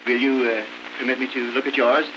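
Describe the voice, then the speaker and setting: A man's voice: medium pitch, little pitch movement, dull audio. A formal hotel man in an early talkie. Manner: formal and courteous, with hesitant pauses. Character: courteous male hotel manager, formal and smooth. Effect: early talkie film sound. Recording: hissy early talkie film soundtrack.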